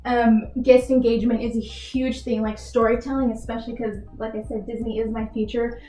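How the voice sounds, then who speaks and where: A young adult woman from Texas, a retail worker interviewing for a job, answers questions earnestly and fills her speech with "like." Her fairly high, mellow voice varies little in pitch and moves a little fast, in a reverberant, rough recording.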